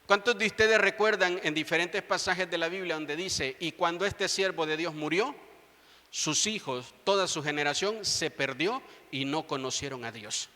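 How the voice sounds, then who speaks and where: A man's voice: fairly high pitch, moderate pace, pushed and bright. A man in his thirties preaching a sermon as pastor, appealing directly to his congregation with rising fervor. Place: large church hall. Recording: long church reverb.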